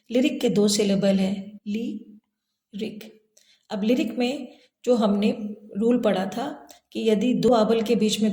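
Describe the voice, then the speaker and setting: A woman teacher explaining a phonics lesson slowly and carefully, stretching out each example word. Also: mid-range voice, warm tone, echoey room.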